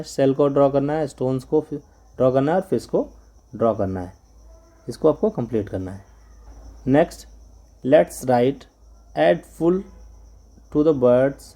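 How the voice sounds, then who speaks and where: Pitched in the middle and dark in tone, this is the voice of a man with an Indian accent. He teaches in Hindi, taking the lesson step by step and spelling each word letter by letter.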